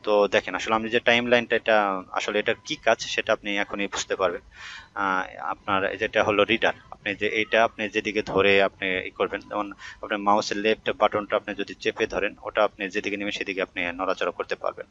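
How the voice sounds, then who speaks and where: Fast-talking man explaining software. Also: lowish voice, flat delivery, muffled recording. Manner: conversational, many hesitation fillers, addresses viewer directly. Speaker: software tutorial instructor. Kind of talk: screen-recorded software tutorial.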